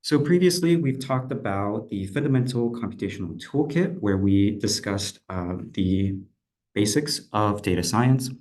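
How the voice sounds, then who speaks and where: Young man, lecture presenter, somewhat low voice, steady explanatory delivery, video call. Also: a little slow. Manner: steady, explanatory, occasional fillers. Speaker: PhD candidate presenter.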